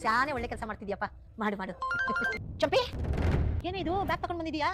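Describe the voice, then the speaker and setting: A shrill, outspoken sister. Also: female voice, sing-song, fast. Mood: teasing. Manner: teasing, outspoken. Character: outspoken woman of the household who teases her brother. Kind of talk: TV serial acting. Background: background music score.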